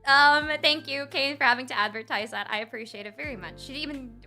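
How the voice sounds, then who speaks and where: A woman's voice: high-pitched, fast, sharp tone, soft background music. A woman streaming live and chatting with her viewers in a giggly, rambling way, laughing often and restarting her sentences, close to the mic. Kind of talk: casual livestream chat with viewers. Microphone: close desk mic.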